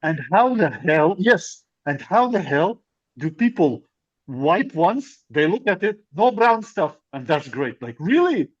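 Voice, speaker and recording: A young man co-hosting a comedy podcast, talking in halting, rambling bits and laughing often. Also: a little high, sing-song, no echo. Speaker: podcast co-host. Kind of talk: casual comedy podcast chat. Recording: dry, dull lo-fi sound.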